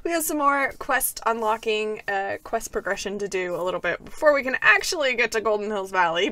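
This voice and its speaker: Young woman, high bright voice, giggly gameplay host, enthusiastic, dry close recording. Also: no room sound. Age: young adult. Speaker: host of a video game play-through. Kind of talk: casual gameplay commentary.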